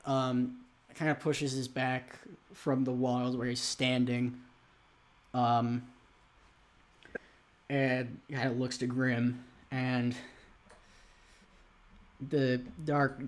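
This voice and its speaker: Slow, hesitant man game master. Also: medium pitch, flat delivery. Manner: hesitant, full of fillers, slow. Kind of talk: narrating a tabletop game.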